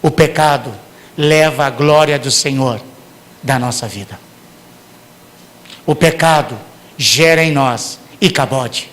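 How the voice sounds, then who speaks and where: A Brazilian pastor preaching a sermon in church, swinging from hushed lines to shouted ones and acting out the people he quotes. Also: mid-range voice, slow, long pauses. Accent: Brazilian Portuguese. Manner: acts out quoted parents and sinners.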